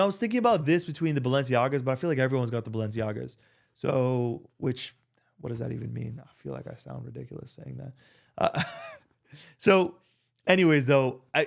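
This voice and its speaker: Gravelly young man rambling casually. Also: medium pitch, a little mellow. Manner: rambling, lots of fillers and restarts. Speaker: vlogger. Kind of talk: casual unboxing vlog. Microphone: desk microphone.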